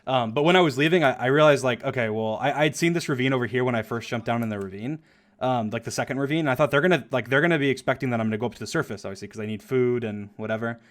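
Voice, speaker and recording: A man's voice: mid-range voice, very fast. A young man streaming and talking through his own gameplay video, rambling casually with lots of fillers and laughter. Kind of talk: casual commentary over gameplay.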